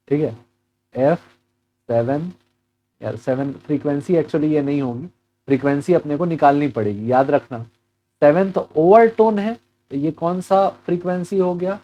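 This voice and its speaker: A male physics teacher works through an exam problem, mixing Hindi with English terms. His voice sits a little high but sounds mellow and relaxed. He keeps asking and answering his own questions. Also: dull audio.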